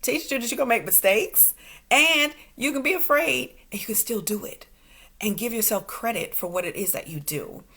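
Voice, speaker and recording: A woman's voice: on the high side, lively intonation, normal speed, pushed and bright, slightly rough. A woman in her forties, a stand-up comic and entrepreneur, hosting a motivational talk in short, emphatic commands and laughing often.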